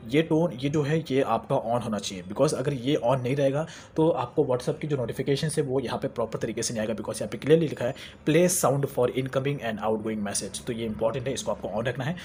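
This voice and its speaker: Young male tech tutor, rapid chatty delivery, mid pitch, faint room hum. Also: mellow. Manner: chatty, repeats phrases, mixes English terms into Hindi. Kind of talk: screen-recorded how-to tutorial.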